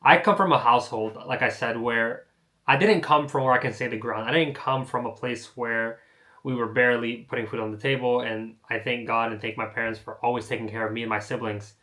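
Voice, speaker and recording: A young American man talks through his own journey in a loose, conversational way. His sentences start over often and he leans on "like" as a filler. His voice sits at an ordinary middle pitch. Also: steady tone, a little fast, bright, forceful tone. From United States. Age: young adult. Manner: rambling, many "like" fillers and restarts. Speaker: online entrepreneur. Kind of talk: casual personal storytelling to camera.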